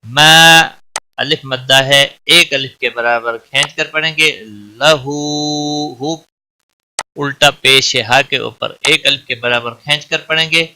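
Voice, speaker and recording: A man teaching Quran recitation rules in a recorded lesson, explaining each letter and then reciting it slowly and drawn out. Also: medium pitch, steady tone, pushed and bright.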